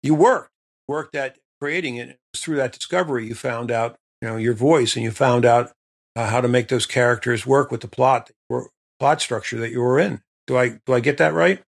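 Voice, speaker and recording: A man with a medium-pitched, creaky voice hosts a conversational interview at a normal pace. He asks long, rambling, leading questions stuffed with fillers like "you know" and "uh."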